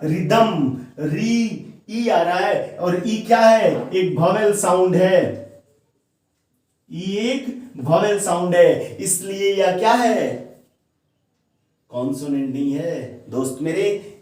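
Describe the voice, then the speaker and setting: A man's voice: high-pitched, a little mellow. A man teaching grammar in Hindi with terms, often asking questions and answering them himself. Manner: questions the viewer often and answers himself, repeats key words. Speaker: English teacher. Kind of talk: classroom-style grammar lesson. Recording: very echoey room, voice far from the mic.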